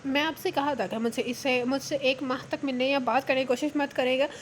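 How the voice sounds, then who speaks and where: A woman reads a proud young wife who speaks in a flat, cutting tone. The voice is high and plain, as in a storybook read aloud, with a faint hiss of room noise behind it. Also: fairly quick, natural voice. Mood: cold. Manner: flat, sarcastic.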